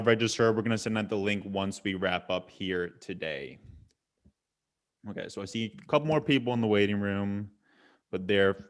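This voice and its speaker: A man hosting an online webinar interview, framing long loose questions and often repeating words as he goes. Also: lowish voice. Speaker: webinar host.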